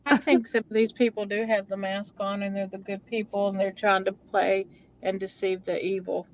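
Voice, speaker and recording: A woman caller in a casual chat, earnest and emotional, who stops and restarts her thoughts. Her voice sits at a middle pitch for a woman. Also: level tone, normal speed, rough recording.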